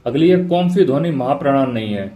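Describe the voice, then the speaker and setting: A man's voice: mid-range voice, lively intonation, brisk, mellow, a little hiss or hum. Male teacher, mid-range voice, runs a quiz-style exam prep lecture and drills each answer twice. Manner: asks the class questions then answers them himself, repeats key points.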